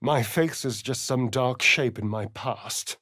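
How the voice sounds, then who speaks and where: In this game voice-acting clip, a man plays a vain, sardonic vampire who looks young, drawling in an arch, sly, theatrical manner. His mid-range voice is bright and forceful, and he speaks slowly.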